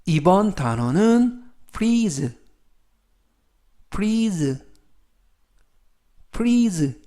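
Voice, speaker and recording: A man's voice: sits high, a little mellow. A man with a Korean accent teaching English vocabulary, giving polite formal explanations and repeating each word for the listener to copy. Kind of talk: slow instructional vocabulary lesson.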